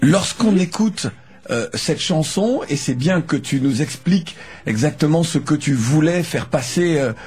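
Husky, higher-voiced male radio host. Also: expressive, unhurried, darkish tone. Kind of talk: radio interview hosting.

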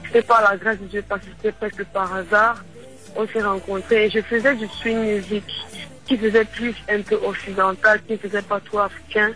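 A Cameroonian woman with a foreign accent in her French speaks as a radio guest. Her voice is very bright and fairly even in pitch. She feels her way through answers, repeating and rewording, with faint music behind her. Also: rough recording. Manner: halting, repetitive French with rephrasing. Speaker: guest singer.

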